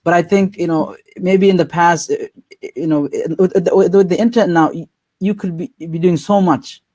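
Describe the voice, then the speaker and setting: A male interview host with a somewhat raised voice, recorded close and dry with no room sound. He talks haltingly, doubling words and restarting as he feels his way toward each question. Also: sits high, fairly even intonation, dark tone, dry recording. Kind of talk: interview conversation.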